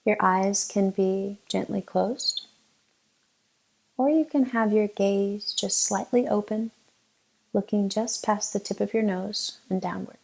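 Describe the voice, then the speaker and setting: Her mid-range voice carries vocal fry and fairly even intonation as she guides listeners through meditation. This teacher speaks softly and without hurry, pausing at length, though the audio quality is rough.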